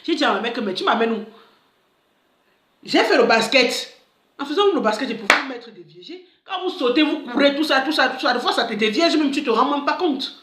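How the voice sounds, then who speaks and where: A woman's voice: high voice, fairly quick, echoey room, slight background noise. A woman, a life coach, telling a personal story in a casual vlog and acting out the dialogue. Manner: animated, acts out dialogue, many interjections.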